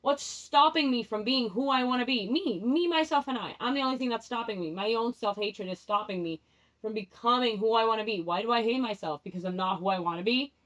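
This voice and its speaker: In this dull, lo-fi clip, a tarot vlogger rambles candidly through a reading, often starting her sentences over and chuckling at herself. She is young and speaks Spanish as her first language, with a fairly high, slightly bright voice and a fairly quick pace.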